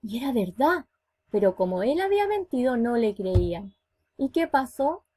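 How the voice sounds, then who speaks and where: A woman teacher with a Chilean accent talking to young children in a virtual class, animated and coaxing, asking them questions. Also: on the high side, measured pace. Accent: Chilean Spanish. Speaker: schoolteacher.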